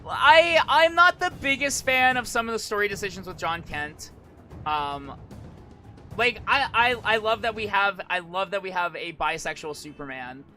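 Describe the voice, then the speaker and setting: A man's voice: high voice, animated, normal speed, bright, forceful tone, soft background music. A man streaming casual live commentary, rambling and hesitant, often repeating and restarting his phrases. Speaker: streamer, virtual YouTuber.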